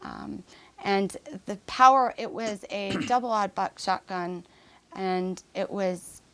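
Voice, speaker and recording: Woman, podcast guest, personal story, earnest, measured, halting, restarts, fillers, middle pitch. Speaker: interview guest.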